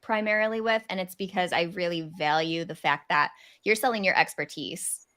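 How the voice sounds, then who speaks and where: A woman's voice: fairly low pitch, normal speed, pushed and bright. A woman guest on a video call who answers interview questions in a friendly, explanatory way, with light laughs between her points. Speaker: marketing consultant guest.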